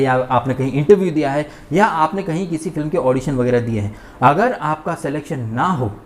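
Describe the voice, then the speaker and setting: A man's voice: fairly high pitch, a little mellow. A man giving an indignant, ranting commentary monologue as a vlogger reviewing a show. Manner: indignant, ranting, mocking impressions.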